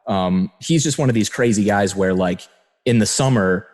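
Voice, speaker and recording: A man's voice: lowish voice, normal speed, darkish tone. A man hosting a podcast, chatting casually with many fillers and easy laughter. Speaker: podcast host.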